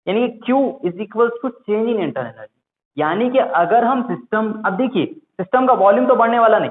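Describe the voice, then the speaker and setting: A male teacher gives a classroom lecture. He keeps asking the class questions and then answers them himself. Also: high-pitched. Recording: echoey room over a tinny, phone-like line.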